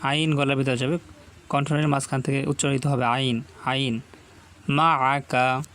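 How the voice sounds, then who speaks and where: A man's voice: medium pitch, steady tone, fairly quick. A man teaching Quran reading, reciting words syllable by syllable, repeating each one, and explaining pronunciation. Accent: Bangladeshi. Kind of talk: slow recitation lesson with explanations.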